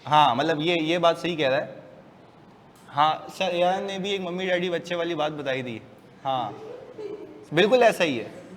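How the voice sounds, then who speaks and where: A man's voice: on the high side, moderate pace, long pauses. A man, giving a casual, joking lecture to a class of accounting students. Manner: chatty, joking, lively asides to students. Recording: distant voice in a reverberant room, faint hiss.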